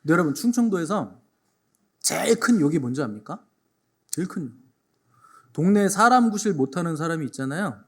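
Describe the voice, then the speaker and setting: Man, pastor, Sunday sermon, fairly high voice, emphatic, repeats phrases, jokey. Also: expressive, a little fast, long pauses, fairly bright tone. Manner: emphatic, repeats key phrases, tells jokes in dialect. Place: church before a congregation.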